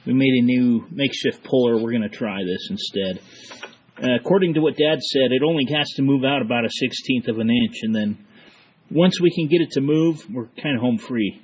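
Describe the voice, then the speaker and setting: A man chats through a repair job, explaining each step to his viewers, a little out of breath. The sound is dull and lo-fi, with steady noise from the workshop behind him. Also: mid-range voice, brisk. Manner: relaxed, explains work to viewers while doing it. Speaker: host. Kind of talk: casual shop talk.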